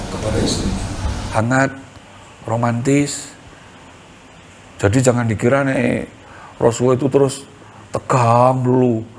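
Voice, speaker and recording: A man's voice: medium pitch, creaky, a little hiss or hum. A middle-aged man with a Javanese accent, preaching to a women's study group with humor and acted-out dialogue. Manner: humorous storytelling, acts out dialogue. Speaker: Islamic preacher.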